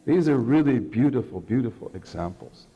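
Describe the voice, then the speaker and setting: A man's voice: medium pitch, animated, moderate pace, lo-fi sound. A man giving a religious lecture, telling stories and checking in with the audience with a conversational "okay". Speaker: Islamic scholar lecturing.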